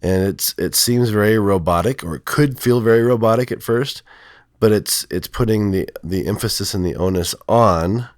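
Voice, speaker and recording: A male counselor with a voice lowered by illness, explaining in a rambling, hesitant way full of fillers. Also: moderate pace, no room sound, studio quality. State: sick, voice lowered from strep throat. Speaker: counselor and podcast co-host. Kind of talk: casual podcast conversation.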